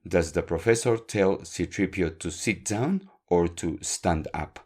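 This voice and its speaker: Man, podcast Spanish teacher, deep voice, unhurried, clear and encouraging with learners. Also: a little mellow, faint music behind. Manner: slow, clear, repeats words for learners. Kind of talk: podcast language lesson.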